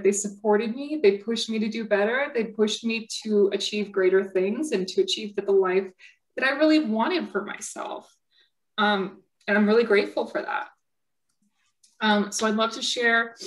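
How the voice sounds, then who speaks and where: A young woman tells her own story at a patient symposium. Her pitch sits in an ordinary middle range. She talks earnestly, pausing on fillers and restarting sentences as she goes. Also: poor audio. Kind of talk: personal testimony talk.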